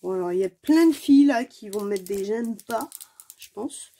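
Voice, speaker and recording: Her medium-pitched voice is expressive and warm, moving at a moderate pace. As a diamond painting vlogger, she unboxes a craft kit at home while chatting to viewers, full of exclamations and fillers and joking at her own expense.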